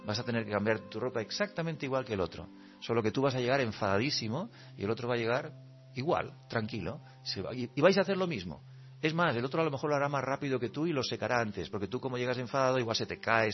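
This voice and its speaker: A man with a lowish voice gives a reflective meditation talk. He tells personal stories, acts out his own quoted thoughts and laughs often. The recording is dull and lo-fi, with faint music underneath. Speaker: meditation speaker.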